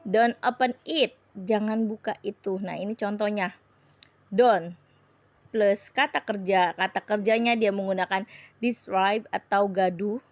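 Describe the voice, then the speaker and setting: Indonesian woman, English teacher, slow deliberate explainer, dry close recording. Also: medium pitch, fairly even intonation, no room sound. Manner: slow, explains in Indonesian and repeats English examples, rising on "please". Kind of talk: recorded online grammar lesson.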